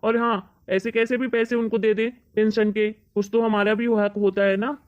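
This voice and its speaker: A woman's voice: medium pitch, level tone, moderate pace, close to an everyday voice. A woman playing a greedy middle-aged son and husband who coaxes and argues in a plain voice. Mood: coaxing. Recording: dull lo-fi recording.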